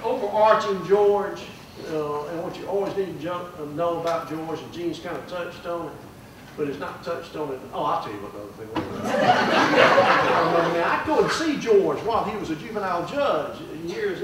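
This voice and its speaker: A man's voice: high voice, sing-song, brisk, distant mic, noisy background. An older man, a judge giving a folksy memorial speech with many fillers. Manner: folksy, warm storytelling with fillers. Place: large room at a plaque dedication. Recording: echoey room, mic from afar.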